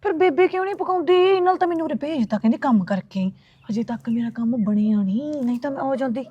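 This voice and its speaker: Fast-talking woman, scolding. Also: high-pitched, expressive, dry recording. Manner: scolding, fast village chatter. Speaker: actor playing a young wife. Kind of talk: comic web series acting. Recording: dry, muffled lo-fi phone audio.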